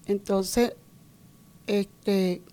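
A woman's voice: medium pitch, fairly even intonation, drawn-out words, mellow. A woman from Venezuela, telling her personal faith story in an interview, earnest and full of quoted conversations. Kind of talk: personal testimony.

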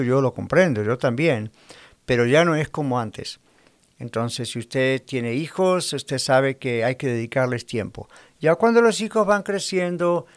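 A man's voice: medium pitch, no room sound. A man preaching on the radio as a pastor, emphatic, repeating words as he presses his points and acting out his listeners' complaints. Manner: acts out listeners' quoted complaints. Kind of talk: radio sermon.

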